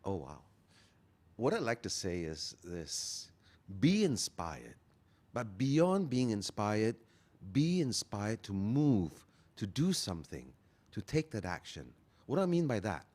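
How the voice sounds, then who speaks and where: A man, talking earnestly as a guest and slowing down to stress his key phrases. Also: on the low side, big pitch swings, darkish tone. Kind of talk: motivational interview talk.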